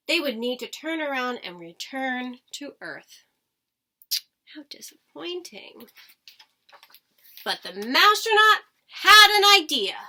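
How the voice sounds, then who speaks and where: A woman with a sharp, rather high voice reads a children's storybook aloud, teacher-style. She leans into dramatic emphasis and expressiveness, with quick asides to the audience.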